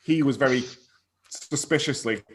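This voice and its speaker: A man's voice: medium pitch, moderate pace, fairly bright tone. A man co-hosting a podcast, recapping a film's plot from his notes in casual chat, with hesitant restarts. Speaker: podcast co-host. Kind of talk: casual film review chat.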